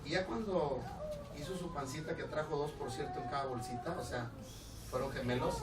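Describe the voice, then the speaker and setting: A man with a Mexican accent preaching a storytelling sermon as a pastor, animated and laughing, acting out the people in his story. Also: a little high, normal speed. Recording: roomy, distant church recording with background noise.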